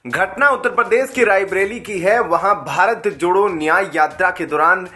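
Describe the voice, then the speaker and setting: A man reading a scripted news voice-over in a steady, formal newsreader manner. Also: high-pitched, normal speed. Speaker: news narrator.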